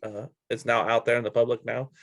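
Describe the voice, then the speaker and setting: A male sports podcast co-host delivers his blunt takes in a casual countdown-style chat. He talks a little fast with a medium pitch and flat delivery, and there's no echo.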